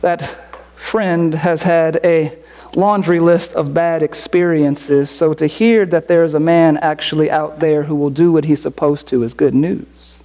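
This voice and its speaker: Slow, emphatic woman preacher. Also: sits low, steady tone, mellow. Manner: slow, emphatic, repeating phrases, rhetorical questions. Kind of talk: sermon.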